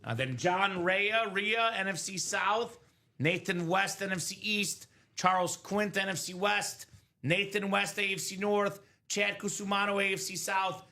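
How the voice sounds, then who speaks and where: A man in his thirties hosting a live card break, chatty and energetic, calling out names and teams. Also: high voice. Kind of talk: live stream commentary.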